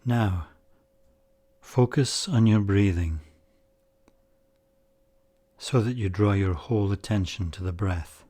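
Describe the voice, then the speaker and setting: A man with a fairly low voice leads a guided meditation. He speaks slowly and calmly, leaving long pauses between his phrases. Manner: slow, calm, measured delivery with long pauses.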